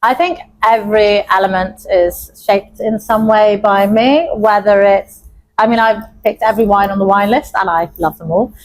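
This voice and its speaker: A young adult woman from Wales, a chef and pub owner, speaks enthusiastically in an interview conversation and laughs often. Her voice is medium in pitch at a normal speed, and the recording quality is low.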